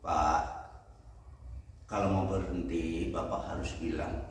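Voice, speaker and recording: Brief: patient camel owner, low and slow, soothing, as a preacher puts him on, distant roomy hall. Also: male voice, flat delivery. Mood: calm. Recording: echoey hall from far off.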